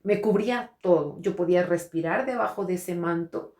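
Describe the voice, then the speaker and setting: A woman's voice: on the low side, normal speed, darkish tone. A woman pastor giving an earnest testimony sermon. She often hesitates, restarts and repeats words, and she speaks straight to her listeners. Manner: earnest preaching, addresses listeners directly. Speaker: pastor and prophet. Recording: roomy echo.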